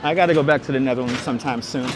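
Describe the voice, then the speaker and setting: Speaking at a racing pace in a medium pitch, a man with a thick Brooklyn, New York accent hosts a livestream walking tour, chatting casually with viewers and commenting on the street. He's walking outdoors along busy Manhattan streets. City traffic comes through clearly, with street ambience and vehicles behind him.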